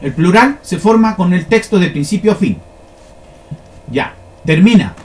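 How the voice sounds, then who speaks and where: A man's voice: sits high, lively intonation, unhurried. A man teaching a lesson, explaining step by step and often checking that his listeners follow. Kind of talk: classroom lesson on flowcharts.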